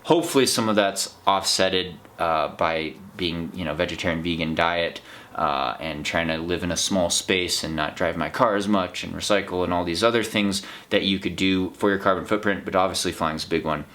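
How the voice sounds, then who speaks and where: American guy vlogging off the cuff, lowish voice, kinda rambly and earnest, thinking out loud. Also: normal speed. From United States. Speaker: vlog host, trail runner. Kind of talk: casual unscripted vlog monologue.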